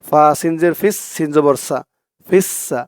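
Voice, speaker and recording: A man with a clear, smooth voice that sits a little higher than usual teaches Quran reading, breaking words into letters and pronouncing each one carefully. The recording is close and dry, with no room sound. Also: no room sound. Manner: slow drawn-out chanting when reciting, brisk plain explaining between. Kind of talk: recitation lesson, spelling out letter by letter.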